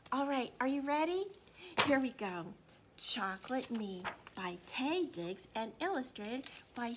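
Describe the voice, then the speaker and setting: A woman in her sixties hosts storytime for children in a small indoor room, reading aloud expressively and asking them questions as she goes. She is a children's librarian with a slightly high voice, and a little hiss or hum is audible.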